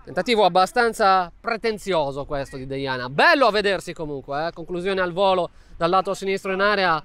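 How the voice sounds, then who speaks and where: A man commentates live on a football match. His voice is smooth and resonant, and he follows the play move by move in a running play-by-play. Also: high-pitched, fairly quick, sharp tone, no echo.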